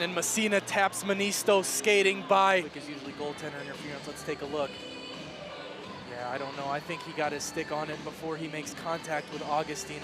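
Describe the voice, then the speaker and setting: A man working as color commentator on a hockey game, talking through replays in a conversational way. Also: a little high. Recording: live arena noise behind. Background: hockey arena ambience.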